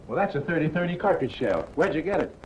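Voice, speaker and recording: An actor playing a polite, somewhat fussy island governor in 1940s film acting, with genteel, proper speech. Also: male voice, on the high side, lively intonation, fast talker, natural voice, rough recording. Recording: old film soundtrack with faint hiss.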